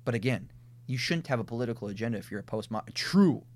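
A man with a Minnesota accent talks through his ideas on a casual podcast at a middling pitch. He lays out his points in lists and often restarts as he thinks aloud. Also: expressive, quick pace, dry recording. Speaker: podcast co-host. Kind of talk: casual conversational podcast discussion.

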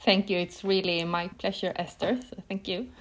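A woman's voice: fairly low pitch, steady tone, normal speed. A woman in her fifties from northern Sweden, a Swedish native speaker answering questions as a professor in a podcast interview, careful and earnest with slightly non-native phrasing. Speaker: guest, professor of entrepreneurship.

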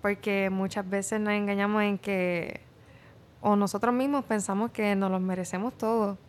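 A woman with a Puerto Rican accent talks in conversational Spanglish. Her voice sits at a medium pitch, and she tells her story by acting out bits of dialogue, slipping English words into the Spanish. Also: moderate pace. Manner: animated storytelling, acts out quoted dialogue. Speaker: pageant contestant interviewee. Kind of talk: conversational interview answer.

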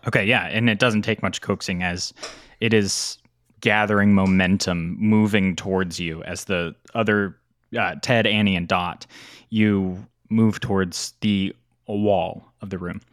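A man narrating a tabletop game as game master, describing scenes in an unhurried way. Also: deep voice, fairly even intonation, fairly bright tone, dry recording, clean studio sound.

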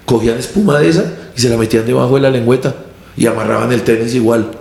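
A man's voice: mid-range voice, creaky, a little mellow. A man, a comedian host who jokes and breaks down how a joke works in casual podcast chat. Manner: quick, joking, explains joke structure. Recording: roomy podcast studio with faint noise.

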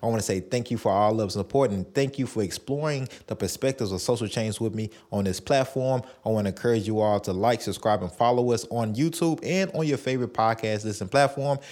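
A man's voice: on the low side, fairly quick, few pauses, a little mellow. A man hosting a podcast, talking in a loose, chatty way, full of fillers and restarts. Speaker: podcast host. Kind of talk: casual interview chat.

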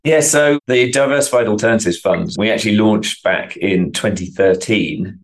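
A man's voice: on the low side, normal speed. A man giving explanatory answers as an expert guest in a remote interview. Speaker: interview guest, portfolio manager. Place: remote video call.

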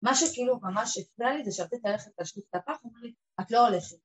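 A woman's voice: husky, rough recording. A woman, telling an emotional personal story to a group and acting out the people in it. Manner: emotional, acts out quoted voices, lively swings of pitch and loudness.

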